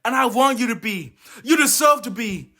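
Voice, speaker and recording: A man's voice: extremely high pitch, lively intonation, normal speed, pushed and bright. A man doing a comedic anime commentary rant, exasperated, profane and mocking. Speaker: video essayist.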